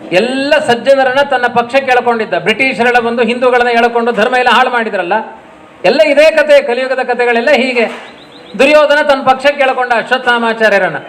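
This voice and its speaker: A man's voice: very high voice, fairly quick, a bit bright. A man giving a storytelling religious sermon, asking rhetorical questions and chanting verses. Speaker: religious discourse speaker.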